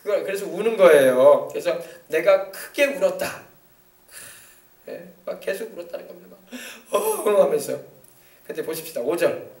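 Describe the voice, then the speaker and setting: A man's voice: on the high side, big pitch swings, fairly quick, creaky, a little mellow. A male pastor preaching a sermon in an emphatic way, often checking that the congregation agrees. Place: church sanctuary. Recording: echoey church hall, mic at a distance.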